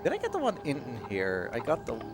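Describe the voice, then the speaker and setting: Game music runs beneath this speedrunner's live commentary at a gaming marathon, where he plays through a video game with a casual, joking tone. He talks fairly quickly in a medium-pitched voice that swings widely up and down.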